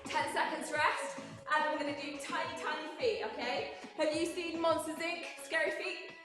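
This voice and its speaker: A woman's voice: high voice, level tone, normal speed. A young British woman leading an online cooking and workout class, coaching with upbeat encouragement and counting down the reps. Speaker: fitness and cooking instructor. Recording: very echoey room with music.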